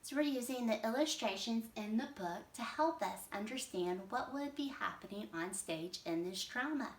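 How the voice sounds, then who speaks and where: A woman's voice: a little high, lively intonation, moderate pace. A woman teaching kindergarteners, patiently explaining a story step by step in a read-aloud lesson. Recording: echoey room, mic at a distance.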